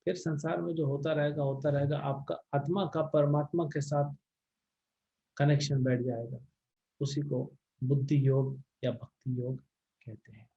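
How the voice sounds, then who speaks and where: A man giving a conversational lecture on scripture, often pausing to check in with his listeners with a questioning "hmm?". His voice sits fairly high for a man. The recording is dull and lo-fi. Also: level tone, creaky, dark tone. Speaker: spiritual teacher.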